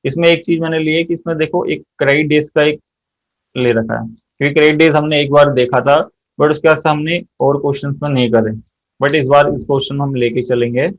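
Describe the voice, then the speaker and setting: A man teaching an accounting software class, walking through each step and quizzing his students as he goes. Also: fairly high pitch, steady tone, fairly quick, poor audio. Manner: explains step by step, often checks students' answers. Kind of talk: software tutorial lesson.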